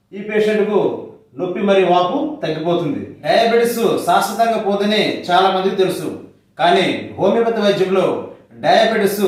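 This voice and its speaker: A man with a Telugu accent, narrating a scripted health lesson in steady, measured phrases. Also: high voice. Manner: steady, measured delivery in short listed phrases. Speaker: homeopathy health educator. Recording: very echoey, from far off the mic.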